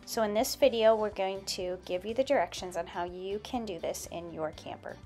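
A woman's voice: mid-range voice, moderate pace, over loud music. Woman narrating a DIY build. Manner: plain, step-by-step explanatory. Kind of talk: instructional voice-over narration.

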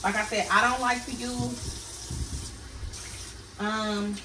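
Extremely slow and flat, her slightly high voice carries a chatty cook-with-me talk aimed at y'all. Recorded by a camera across her small home kitchen, the sound is roomy, with running water and background noise.

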